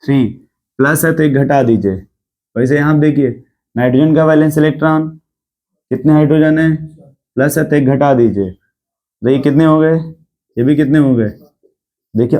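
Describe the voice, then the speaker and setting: A man's voice: on the high side, warm tone. A man teaching a chemistry class, lecturing and constantly asking the students questions. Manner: mixes English terms into Hindi explanation.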